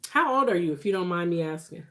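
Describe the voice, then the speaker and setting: A woman in her forties with a slightly low voice chats casually, as on a livestream. She speaks in a conversational, reassuring way, like someone giving personal advice. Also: expressive, quick pace. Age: 40s. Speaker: livestream host. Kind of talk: casual livestream chat with viewers.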